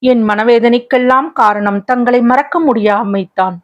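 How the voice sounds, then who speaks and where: A woman's voice: on the high side, unhurried, lightly acted. A woman voicing a young lovelorn woman who is tearful and wistful, speaking in a plaintive, pleading tone, in a slightly muffled recording.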